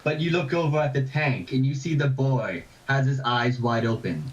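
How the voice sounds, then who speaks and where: A man's voice: mid-range voice, normal speed, roomy sound, highs cut off, slight background noise. A man running a tabletop game as game master, describing scenes and building suspense. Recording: distant mic.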